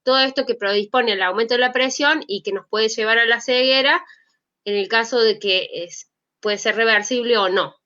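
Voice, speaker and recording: Over a video call, a woman doctor with an Argentine accent lectures on medicine in a chatty, conversational manner. She has a sharp, medium-pitched voice, and the call audio comes through dull.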